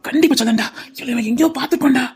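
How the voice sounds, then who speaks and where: A woman's voice: high-pitched, rapid-fire, darkish tone, slightly rough. Chattering Tirunelveli woman comedian. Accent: Tirunelveli Tamil. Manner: nosy, chattering, teasing. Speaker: sketch comedian. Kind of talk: comic sketch, gossiping bus passengers.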